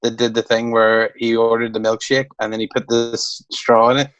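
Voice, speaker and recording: A man's voice: mid-range voice, monotone, fairly quick, a bit bright, smooth, no echo, lo-fi sound. A man, co-hosting a podcast in casual chat, rambling and restarting his sentences and laughing often. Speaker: podcast co-host.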